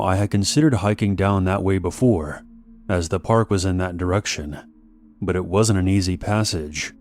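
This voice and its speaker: Male horror narrator, very deep voice, measured and steady delivery. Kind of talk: scripted horror story narration.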